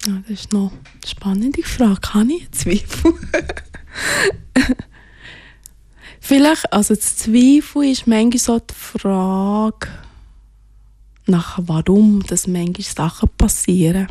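A woman from Ghana, as an interview guest, soft-spoken and hesitant, searching for her words. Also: medium pitch, slow, pauses often, husky. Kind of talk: reflective personal interview.

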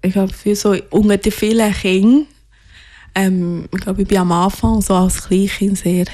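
A woman from Ghana, as an interview guest, soft-spoken and hesitant, searching for her words. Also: medium pitch, level tone, moderate pace. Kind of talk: reflective personal interview.

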